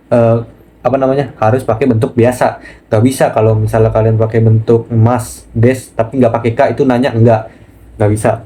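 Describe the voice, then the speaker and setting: A man teaching a casual online language lesson, chatty and relaxed, often pausing on fillers and speaking to viewers as friends. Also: medium pitch, slight background noise. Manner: chatty, keeps saying "nah" and addressing viewers as friends.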